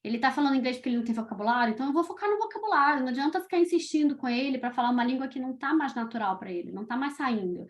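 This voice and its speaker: A woman's voice: high-pitched, lively intonation, racing, hardly any pauses. A middle-aged woman from Brazil, a podcast creator, chatting casually as an interview guest, with lots of "tipo" and "sabe" fillers.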